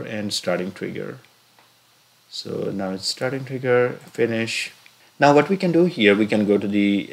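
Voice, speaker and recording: A man narrating a screen-recorded software walkthrough as instructor, halting and full of filler sounds as he explains each step. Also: fairly low pitch, vocal fry. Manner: halting, many filler "uh"s and restarts. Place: voice-over recorded separately from the pictured screen.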